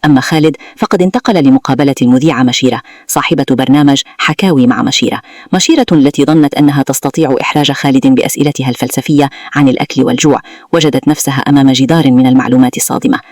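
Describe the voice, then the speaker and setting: A male narrator retells a drama series in formal, dramatic storytelling. He rattles along at a rapid pace in a medium pitch, and the recording is dry and close with no room echo. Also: darkish tone. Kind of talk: scripted drama recap narration.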